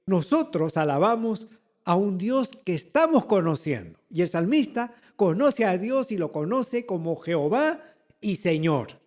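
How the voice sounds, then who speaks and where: A man preaching a sermon as pastor, slowly and deliberately, repeating key phrases and asking the congregation rhetorical questions. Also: high-pitched, very animated, darkish tone, big-room sound. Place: church.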